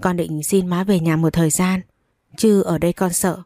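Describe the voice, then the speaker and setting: A woman's voice: lowish voice, steady tone, normal speed, warm tone, dry recording, studio quality, lightly acted. A woman voicing an anxious, scheming elder daughter-in-law who talks in a fretful, wheedling way in a storybook reading.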